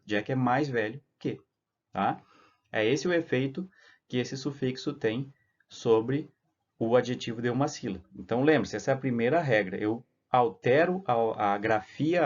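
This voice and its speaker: A man's voice: mid-range voice, a little mellow. A man with a Brazilian Portuguese accent teaching an English grammar lesson over slides, explaining step by step and checking in with short tag questions. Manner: explains step by step, many "tá?" and "né?" tags. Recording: slightly dull lo-fi audio.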